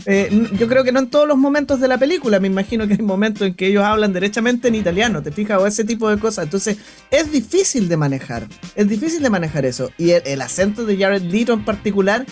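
A man's voice: high-pitched, animated, fast, darkish tone, faint music behind. A man co-hosting a radio film show, laying out his opinions step by step. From Chile. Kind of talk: casual film review chat.

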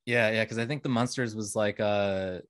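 A man's voice: lowish voice, steady tone, normal speed, a bit bright, no room sound, clean studio sound. A man hosting a casual podcast interview, asking questions and chatting with many hesitations. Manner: chatty, hesitant with fillers, laughs easily. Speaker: podcast host.

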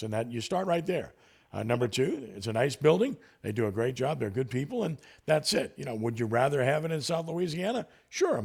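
A man's voice: medium pitch, creaky, darkish tone, husky. A man hosting a sports talk radio show.

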